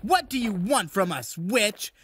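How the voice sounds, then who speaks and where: A woman voicing a worried young prince, speaking softly and anxiously. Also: mid-range voice, lively intonation, a little slow, a little hiss or hum, close to an everyday voice. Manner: soft, anxious.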